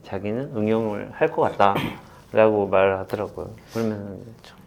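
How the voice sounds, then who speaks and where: A man in his fifties, a football coach, talking through memories in an interview with many pauses and fillers. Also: lowish voice, gravelly. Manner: halting and reflective, many fillers, laughs while retelling. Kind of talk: candid interview.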